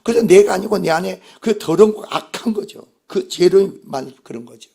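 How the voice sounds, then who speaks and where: A man's voice: high-pitched, normal speed, vocal fry, a little mellow, breathy edge. A male pastor delivering a Sunday sermon, emphatic and putting rhetorical questions to the congregation.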